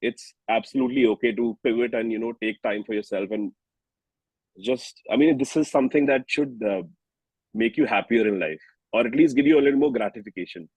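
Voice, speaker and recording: This man from New Delhi, India, speaks with an Indian accent as a singer-songwriter being interviewed, reflecting haltingly and often rephrasing. His medium-pitched voice has a breathy edge, and the recording is muffled with no room sound.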